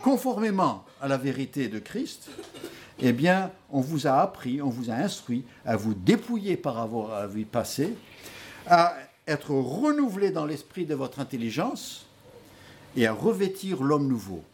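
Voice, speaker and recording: A man preaching a sermon, telling stories in an animated way with many hesitations. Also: medium pitch, a little slow, a little hiss or hum.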